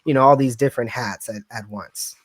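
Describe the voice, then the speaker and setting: An upbeat man hosts a radio interview, cheering his guest on with quick reactions. His voice sits at an average pitch, recorded dry and close with no room sound. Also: dry recording. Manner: upbeat, affirming, quick to say wow. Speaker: radio show host. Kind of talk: casual interview hosting.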